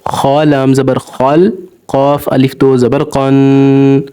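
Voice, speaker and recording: A man teaching Quran recitation, spelling out each letter and syllable and then drawing out the joined word slowly and patiently. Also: mid-range voice, monotone, mellow, clean tone.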